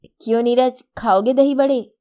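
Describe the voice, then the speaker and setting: Brief: woman reading a cheerful young man who teases his sister, unhurried lines. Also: a little high, steady tone, clear, resonant tone, natural voice. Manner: playful, loud hawker calls. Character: jovial young man, teasing indulgent uncle.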